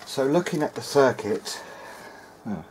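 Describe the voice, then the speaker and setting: His voice is mid-range, expressive, and unhurried as he hesitantly talks through his thoughts. The man is a hobbyist electronics repairer running a casual hands-on demonstration at an indoor workbench, captured clearly with background noise from the workshop room.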